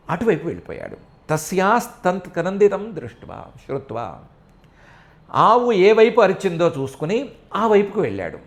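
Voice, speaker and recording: A middle-aged man speaks with a Telugu accent in a slightly high voice. He is giving a devotional discourse, chanting Sanskrit verses and then retelling them as a lively story in Telugu. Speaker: scripture expounder.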